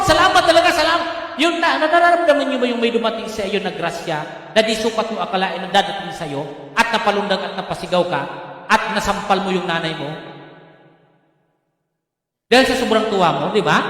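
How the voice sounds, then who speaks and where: Filipino male pastor, high bright voice, animated sermon in an echoing church hall. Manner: animated, calls out to the congregation. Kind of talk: live sermon. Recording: booming echo of a large hall.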